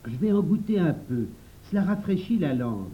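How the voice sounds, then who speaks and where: A greedy little boy in a storybook, whining in a high, drawn-out voice as a man plays him. The recording sounds slightly muffled. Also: very animated. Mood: whiny. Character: whiny, greedy small boy.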